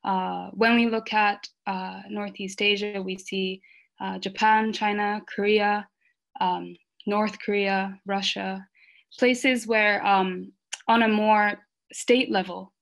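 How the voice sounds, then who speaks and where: A woman who grew up in Rwanda, speaking earnestly on an online panel, with many fillers and pauses. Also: mid-range voice, little pitch movement, gravelly.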